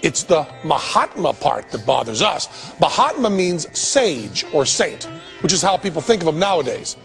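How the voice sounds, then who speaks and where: A man's voice: on the high side, sing-song, normal speed, vocal fry, a bit bright, soft background music. An American man hosting a comedy documentary, narrating in a sarcastic, profane, mock-outraged way. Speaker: host.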